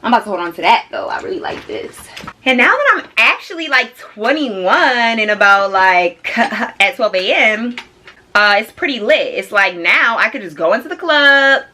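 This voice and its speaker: A young woman of twenty-one chatting excitedly and casually as she does her makeup for a vlog, full of slang. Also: a little high, normal speed. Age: young adult. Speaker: beauty vlogger. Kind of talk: casual get-ready-with-me chat. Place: home studio room.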